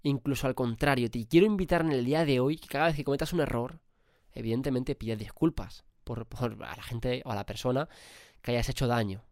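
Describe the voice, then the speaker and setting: A man's voice: mid-range voice, a little fast, darkish tone, dry recording, studio quality. Spanish man with a cold, motivating. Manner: emphatic, casual swearing. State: has a cold. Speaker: podcast host. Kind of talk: motivational podcast monologue.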